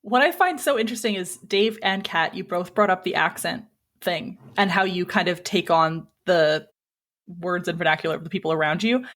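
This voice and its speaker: A woman's voice: fairly low pitch, normal speed, fairly bright tone. A woman in her thirties hosting a podcast, chatting casually and self-deprecatingly in a group conversation. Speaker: podcast host.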